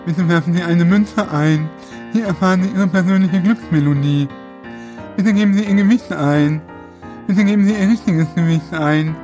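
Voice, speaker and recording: Ein Mann, der einen sprechenden Münzautomaten spielt, der Glücksmelodie und Gewicht ansagt, mit steifen, sich wiederholenden Ansagen. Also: male voice, high-pitched, normal speed, darkish tone, faint music behind, voice pushed up. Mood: mechanical. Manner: stiff, repetitive machine prompts. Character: talking coin-operated fortune and weighing machine. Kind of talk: comic bit in a podcast.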